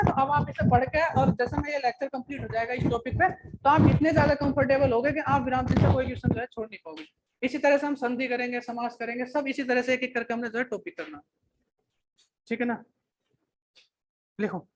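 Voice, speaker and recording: A male teacher gives a classroom grammar lecture in a high voice. He dictates slowly and repeats phrases. He keeps pausing to check that his students are following. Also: fairly even intonation, background noise. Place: coaching classroom.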